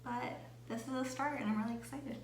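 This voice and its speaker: Young woman, cooking vlogger, excitable and chatty, echoey kitchen. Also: a little high, a little fast. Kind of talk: casual cook-along chat. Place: home kitchen. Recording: echoey kitchen with background noise.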